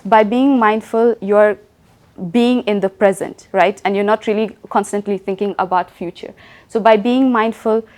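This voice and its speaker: Young woman giving a relaxed company talk. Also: medium pitch. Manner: conversational, often asks "right?". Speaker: presenter. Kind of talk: company talk with audience questions.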